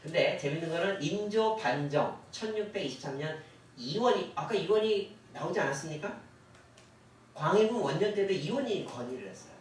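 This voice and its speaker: A man with a fairly high voice lectures on history, often putting questions to his listeners. His pitch moves a lot as he acts out the officials he quotes. He sounds distant, in a very echoey hall with a faint hiss behind him.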